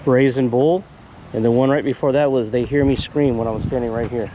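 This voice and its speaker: Male ghost hunter, dark mellow tone, mid pitch, conversational and courteous, faint outdoor noise. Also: steady tone, fast talker, dull audio. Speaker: paranormal investigator. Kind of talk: casual talk, addressing spirits and echoing words. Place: outdoors in a cemetery.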